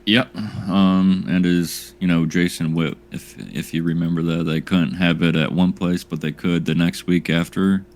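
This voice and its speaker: Very deep-voiced man, halting co-host. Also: little pitch movement, a little mellow. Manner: halting, repeats words as he thinks. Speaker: podcast co-host making fight picks. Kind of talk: casual chat.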